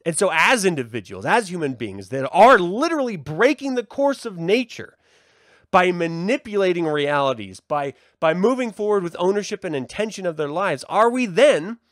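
Hosting a live talk, a reverend muses aloud to his online audience, posing rhetorical questions and stressing words for emphasis. His voice sits a little high, and the sound is clean studio quality with no room sound.

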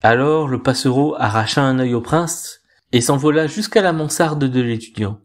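Conteur masculin posé. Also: male voice, medium pitch. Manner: calm, measured, expressive. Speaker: storyteller. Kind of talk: reading a fairy tale aloud.

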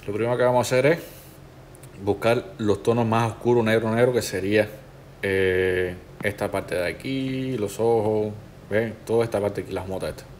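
Male tutor, lowish voice, relaxed step-by-step walkthrough. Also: normal speed, slight background noise. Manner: relaxed, instructive, talks the viewer through each step. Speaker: tattoo artist teaching a digital stencil technique.

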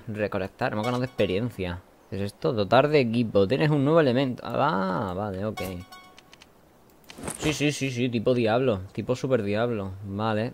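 A man with a Spain Spanish accent giving casual let's-play commentary, chatty and mumbling his asides, with bursts of shouting. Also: lowish voice, a little hiss or hum. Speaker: gaming host.

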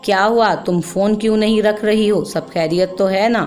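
Woman voicing a calm, loving husband. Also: medium pitch, moderate pace, close to an everyday voice. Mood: tender. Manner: calm, tender.

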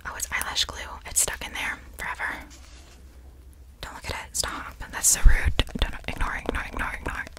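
A young woman whispering an ASMR chat in a breathy, rambling, playful way, very close to the microphone. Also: fairly quick, pushed and bright. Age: young adult. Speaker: ASMR creator. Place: small indoor bedroom. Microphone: large desktop condenser microphone, very close.

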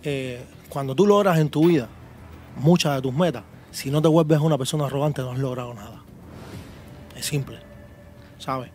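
A man's voice: medium pitch, moderate pace, pauses often, darkish tone, slight background noise. A man, talking confidently and boastfully as a guest in a casual chat, often tagging his points with a question. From Cuba. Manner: confident, boastful, keeps asking "¿sabes?".

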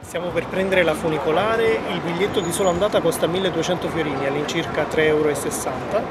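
A woman narrating a travel vlog in a calm, informative tour-guide manner. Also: deep voice, fast talker, over loud music. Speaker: travel vlogger.

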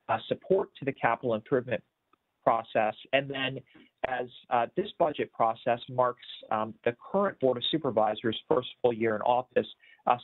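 A man presenting budget figures on a video call in a measured way, with frequent filler words and restarts. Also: medium pitch, dry recording. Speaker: county budget official presenting at a town hall. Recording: tinny, dry video-call audio.

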